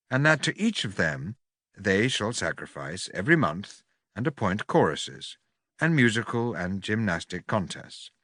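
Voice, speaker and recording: A man reading a philosophical audiobook in a formal, measured, oratorical manner. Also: on the low side, a bit bright, no room sound, clean studio sound. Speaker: audiobook reader.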